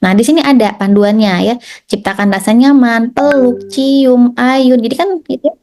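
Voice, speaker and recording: A woman's voice: on the high side, fairly even intonation, moderate pace, mellow, a little hiss or hum. A woman pediatrician giving an informal health talk to parents, chatty, often tagging her sentences and acting out little quotes. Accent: Indonesian. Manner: chatty, repeats tag "ya" and "gitu", acts out quotes.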